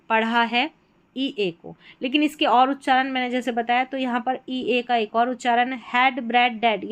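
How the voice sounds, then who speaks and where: A woman who speaks as her teaches English spelling patterns from a chart. She draws out each example word slowly between her explanations. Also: fairly high pitch. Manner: slow, drawn-out example words between explanations. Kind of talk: spelling lesson walking through a chart.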